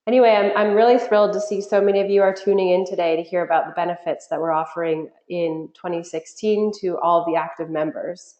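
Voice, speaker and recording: A woman's voice: on the low side, steady tone, fairly quick, few pauses, a little mellow, dull audio. A woman with a nasal voice from a cold, hosting a live webinar in a friendly, chatty way with frequent ums. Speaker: webinar host. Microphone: computer mic on a web call. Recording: echoey room on a web call.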